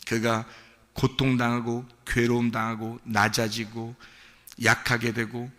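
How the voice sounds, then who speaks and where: A male pastor preaching a sermon in a church sanctuary, speaking with deep emotion that climbs into fervent shouting. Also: completely flat delivery, a little slow. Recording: long hall reverb.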